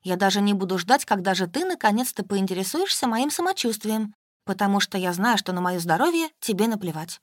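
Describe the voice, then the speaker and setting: A woman voicing an older mother who complains without pause in a reproachful, whining way. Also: mid-range voice, big pitch swings, no echo, studio quality. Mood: nagging. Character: nagging self-pitying older mother, complaining nonstop.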